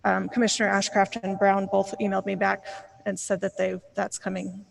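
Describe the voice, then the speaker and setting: A woman's voice: medium pitch, completely flat delivery, a little fast, vocal fry, noisy background. A woman speaking as a board member, giving her remarks at a public meeting. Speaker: healthcare professional.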